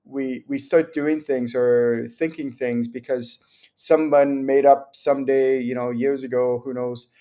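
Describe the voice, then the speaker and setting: Man, livestream host, casual spiritual Q&A, rambling, mid-pitched voice. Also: fairly even intonation, a little slow, mellow. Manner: loose, rambling explanations with acted-out anecdotes. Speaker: spiritual teacher hosting a Q&A show.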